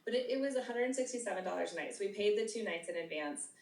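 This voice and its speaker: A woman's voice: mid-range voice, animated, fast talker, creaky, a little mellow, far from the mic. A woman around fifty, a podcast co-host telling stories in casual chat and laughing often. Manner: chatty storyteller, laughs often. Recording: echoey room, off-mic.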